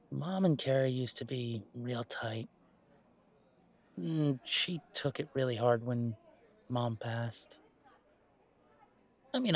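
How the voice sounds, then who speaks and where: Voicing a laid-back young male werewolf gamer, a man speaks at mid pitch in an everyday, unhurried way, casual and wry, pausing haltingly as if in one side of an intimate roleplay chat. The naturalistic conversation feels wistful and subdued, and the sound is close, very dry and free of echo.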